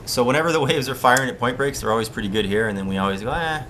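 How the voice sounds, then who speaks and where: A man's voice: mid-range voice, rapid-fire, a little hiss or hum. A man from Hawaii, a surf coach hosting a casual live-stream Q&A and reading viewer questions aloud. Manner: relaxed, chatty, reads viewer questions aloud.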